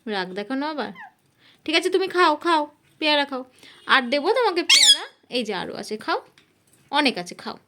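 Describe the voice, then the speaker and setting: A woman at home at night coaxing and gently scolding her pet parrot. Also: high voice, big pitch swings, a little fast, pauses often. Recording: loud background noise.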